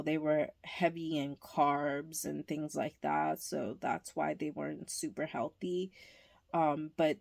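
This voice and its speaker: A woman talking candidly in a casual home vlog, hesitant and pausing often. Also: low-pitched, gravelly, darkish tone. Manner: candid, slow and hesitant with many pauses. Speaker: vlogger. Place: indoors at home, under a blanket.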